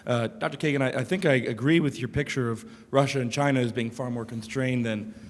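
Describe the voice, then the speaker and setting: A man in the audience asks a panel a question, halting with fillers while he is losing his voice. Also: medium pitch. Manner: halting, many filler sounds. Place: lecture hall. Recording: long hall reverb.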